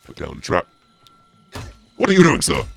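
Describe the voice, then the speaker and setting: With huge pitch swings and a fairly bright tone, a man at a moderate pace delivers over-the-top live commentary on a horror game, full of swearing and taunts. His voice is deep and gravelly and at times altered by a voice changer.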